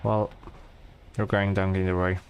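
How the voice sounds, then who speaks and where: A man giving relaxed, rambling gameplay commentary, full of fillers and restarts. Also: sits low, measured pace, a little hiss or hum. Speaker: gameplay streamer.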